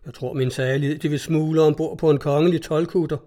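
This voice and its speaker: A man's voice: fairly high pitch, steady tone, dark tone, close to an everyday voice. A man voicing an irate male customs-cutter captain who curses and barks orders, in a read-aloud story. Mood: angry. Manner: gruff, cursing, barking orders.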